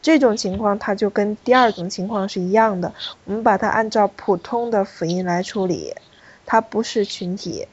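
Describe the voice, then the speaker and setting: A woman's voice: medium pitch, moderate pace, darkish tone, dull audio, slight background noise. A woman teaching a French pronunciation class, explaining rules step by step and calling on students. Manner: explanatory, repeats key points, calls on students.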